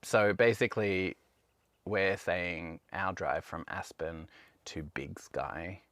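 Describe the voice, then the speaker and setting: A young man with a very low, deep voice co-hosts a podcast. He tells stories in an easygoing, descriptive way. The recording is close and dry. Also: slow pace, no echo. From Australia. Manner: relaxed, descriptive storytelling. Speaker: podcast co-host. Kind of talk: casual chat.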